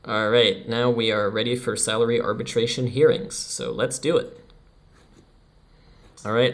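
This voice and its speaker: Young man, casual game commentary, lowish voice, chatty, self-amused. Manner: chatty, laughs at himself. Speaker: let's play commentator.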